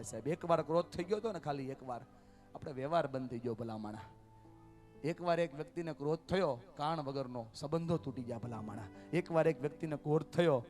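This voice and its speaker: High-pitched man rousing a crowd. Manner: calls out to the crowd for answers, swings from loud to hushed. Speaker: motivational speaker. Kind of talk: motivational talk to a family gathering. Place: outdoor family event at night.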